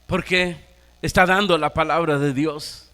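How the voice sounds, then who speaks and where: A Nicaraguan pastor preaching a sermon, emphatic, firing rhetorical questions at the congregation. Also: male voice, fairly high pitch, steady tone, measured pace, pushed and bright, in a large hall.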